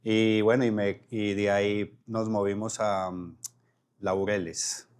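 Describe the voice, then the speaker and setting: A man's voice: lowish voice, flat delivery, takes it slowly, darkish tone, smooth. A man, a podcast guest telling his story with frequent restarts and repeated words. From Colombia. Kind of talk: casual interview conversation.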